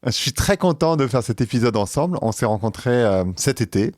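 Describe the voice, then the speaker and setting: A man's voice: medium pitch, lively intonation, brisk, a little mellow, a little hiss or hum. A man hosting a podcast, speaking conversationally as he introduces and interviews a guest. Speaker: podcast host.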